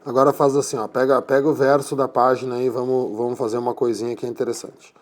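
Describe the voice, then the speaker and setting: A physics teacher with a mid-range voice talks quickly and flatly through a classroom lecture. He explains patiently, checks in with his students after nearly every point, and keeps repeating tags like "tá?" and "né?".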